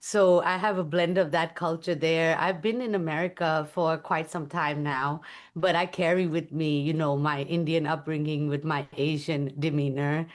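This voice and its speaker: A Thai musician, appearing as an interview guest, reflects earnestly on her life with occasional soft laughs during a conversational interview. Her voice is low, her intonation fairly even, and her pace moderate.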